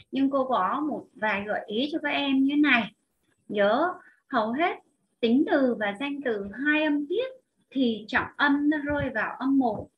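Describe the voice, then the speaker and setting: A woman's voice: a little high, muffled recording. A woman teacher with a Vietnamese accent explaining an English exercise step by step, talking directly to her students. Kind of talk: recorded online lesson.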